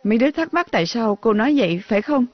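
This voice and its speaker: A woman dubbing a sharp-tongued, jilted young woman teacher in a TV drama, defiant and biting. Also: on the high side, sing-song, fast, no echo. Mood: lecturing. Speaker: dub actress. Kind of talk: dubbed TV drama acting. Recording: dull lo-fi dub audio.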